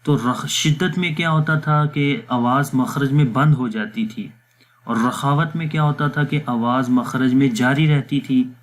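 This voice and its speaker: A man with a medium-pitched voice gives a patient voice-over lesson on pronouncing Quran letters, breaking everything into small steps. His demonstration syllables are slow and elongated. The lesson mixes explanation with recitation drills, and he uses some English words and fills pauses as he talks.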